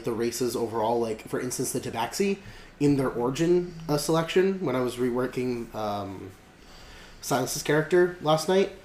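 A man's voice: medium pitch, darkish tone. Rambling man in an echoey room. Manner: rambling, full of fillers and restarts. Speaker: podcast host. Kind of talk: casual chat about a tabletop game. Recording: echoey room with faint noise.

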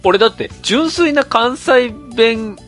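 A man from Mie co-hosting a podcast in casual chat, animated and laughing as he complains. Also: very high-pitched, takes it slowly, faint music behind. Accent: Kansai-leaning Mie dialect. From Mie, Japan. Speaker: podcast co-host.

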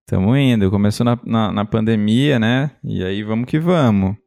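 A man's voice: lowish voice, normal speed, gravelly, darkish tone, no room sound, studio quality. A man with a Brazilian Portuguese accent hosting a podcast, chatting casually and informally with slang. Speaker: podcast host. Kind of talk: casual interview chat.

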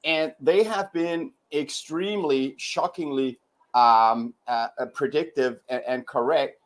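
A man's voice: a little high, takes it slowly. A man speaking as a guest on a panel discussion, casual and hesitant, with many fillers and restarts. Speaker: guest commentator.

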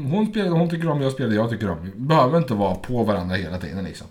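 Animated man telling stories with lively pitch. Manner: animated storyteller, laughs often. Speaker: podcast co-host. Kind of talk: casual chat.

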